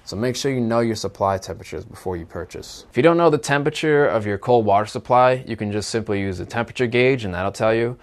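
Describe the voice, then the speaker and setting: A young man in his twenties walks through a plumbing product in an explainer video. His voice sits a little low and his delivery is plain and instructional. It is recorded cleanly in a studio. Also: quick pace, few pauses. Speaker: product presenter.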